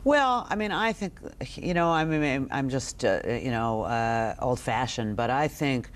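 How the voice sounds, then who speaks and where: A middle-aged woman, a books editor, gives an expert interview as a guest, speaking conversationally and haltingly as she thinks aloud. Her voice is rumbling low and animated.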